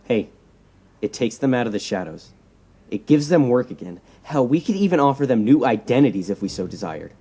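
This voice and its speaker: Voicing a self-righteous young superhero leader in an audio drama, this actor sounds eager and scheming, his mellow, husky mid-range voice swinging widely in pitch at a slightly fast clip. He presses his case earnestly, persuasively repeating words for emphasis.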